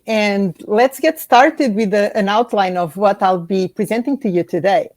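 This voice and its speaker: A woman from Portugal, a scientist, giving a prepared slide presentation in a measured way, reading through lists. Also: mid-range voice, a little mellow.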